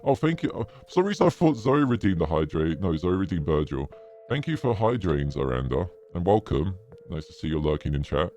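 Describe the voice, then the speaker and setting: A man's voice: big pitch swings, brisk, a little mellow, a little hiss or hum. A man streaming casually through a demonic voice changer, sounding possessed while chatting in an everyday way. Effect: demonic deep voice changer. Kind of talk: casual livestream chat.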